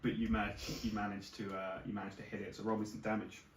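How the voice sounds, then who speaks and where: A man's voice: on the low side, level tone, fast. A man narrating as dungeon master, describing the action in a loose way with many fillers. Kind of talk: narrating a tabletop game. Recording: roomy, distant mic with noise.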